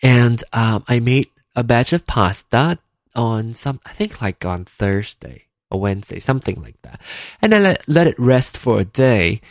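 A man's voice: medium pitch, big pitch swings, measured pace, no room sound, clean studio sound. A Malaysian-born man in his thirties hosting a casual solo podcast, rambling and correcting himself with many fillers. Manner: rambling, self-correcting, chatty with frequent fillers. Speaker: podcast host. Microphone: in-ear headphones with a desk mic.

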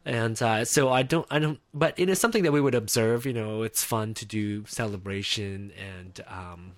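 A man's voice: lowish voice, normal speed, no room sound. A male host from Malaysia speaks in an easygoing talk-show manner. He laughs easily and often circles back mid-sentence. The sound is dry and close. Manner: chatty, laughs easily, many restarts. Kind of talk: casual radio talk.

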